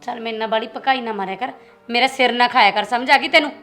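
Woman playing a sharp-tongued wife. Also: on the high side, fast talker, soft background music. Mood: bickering. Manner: taunting, bickering. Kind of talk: short film drama.

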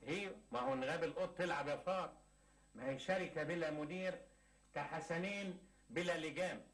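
An actor with an Egyptian accent playing a cheeky office clerk who keeps teasing and joking in a TV sitcom. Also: male voice, a little high, fairly quick, a bit bright, close to an everyday voice. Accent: Egyptian Arabic. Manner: teasing, joking, laughs at his own jokes. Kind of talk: 1980s Egyptian TV sitcom acting.

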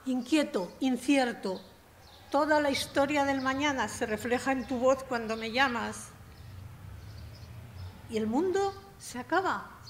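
A woman's voice: sits high, fairly bright tone. A woman, a poet, reciting her short poem with a rap-like rhythm. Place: municipal auditorium. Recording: reverberant hall with faint noise.

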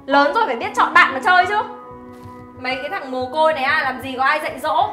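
A woman's voice: high-pitched, fast talker, lightly acted. An actress playing a harsh young mother who berates an orphan boy, scolding sharply in a scripted web sitcom. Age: young adult. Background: background music.

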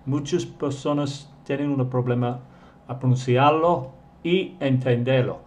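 A man's voice: mid-range voice, steady tone, measured pace, darkish tone, a little hiss or hum. A man teaching an English lesson live online, reading chat questions and stretching out number words to show their pronunciation.

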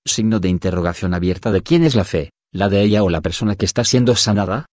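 A man reads an audiobook in a low voice at a quick pace, keeping his scripted narration steady and even. Sometimes punctuation marks get read out loud, and the audio sounds close and dry without any room echo.

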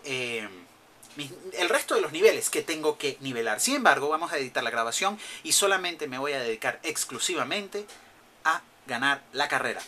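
A man giving live commentary over a video game, excitedly cheering himself on and swearing as he plays. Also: a little high, a little hiss or hum, rough recording. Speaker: gameplay commentator. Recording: loud game music behind the voice. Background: loud video game music.

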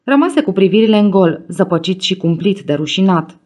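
A woman narrating a literary audiobook in a measured, even reading. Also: medium pitch.

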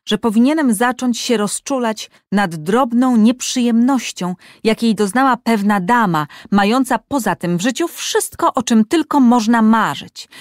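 A woman's voice: mid-range voice, no echo, close to an everyday voice. Brief: a woman playing a heated, lecturing man in an audiobook, dry close sound. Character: indignant man, a doctor outraged at privilege.

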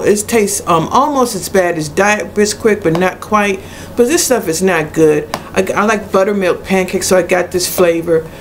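A middle-aged woman giving a blunt, casual product review in a hesitant way with many pauses. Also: lowish voice. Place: small cluttered room indoors. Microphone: webcam at arm's length. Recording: noisy webcam recording with room ambience.

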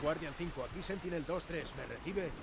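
A resolute male squad leader in a military shooter game, his voice pitched high as he barks clipped orders. Loud gunfire surrounds him. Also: a little fast, creaky. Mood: terse, focused. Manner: barked orders and clipped radio calls. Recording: loud gunfire and battle noise.

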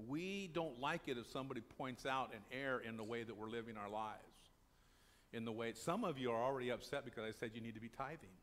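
Talking fast in a medium-pitched, fairly bright voice, an older man preaches to the congregation of a small church. This pastor keeps it conversational, raising questions and answering them himself, indoors in the sanctuary.

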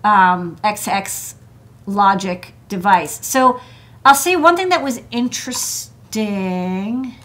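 This thirtysomething woman speaks slowly and expressively in a mid-range, somewhat bright voice. An electronics engineer hosting a desk show, she sits at her workshop desk giving a chatty, casual technical walkthrough of parts with many fillers and restarts.

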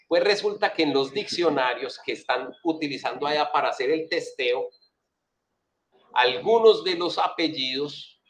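A man with a Colombian accent giving a casual, chatty programming lesson, walking through his code with plenty of slang and repeated check-in questions to his students. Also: mid-range voice. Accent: Colombian Spanish. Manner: chatty, slangy, asks "right?" often. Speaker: programming instructor. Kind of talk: casual screen-share coding lesson.

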